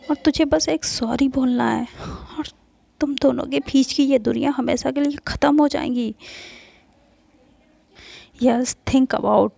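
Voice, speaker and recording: A woman's voice: sits high, creaky, warm tone, full character voice. A woman voicing a young female friend who scolds and coaxes her friend in a spoken Hindi story.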